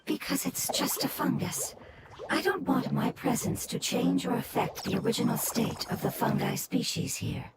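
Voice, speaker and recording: Actress for a tender formal plant creature, light and melodic, airy delivery, music bed. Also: female voice, a little high, lively intonation, normal speed, very noisy, close to an everyday voice. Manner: soft, formal, wistful. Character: small gentle plant spirit, formal and tender. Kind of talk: video game dialogue. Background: game music.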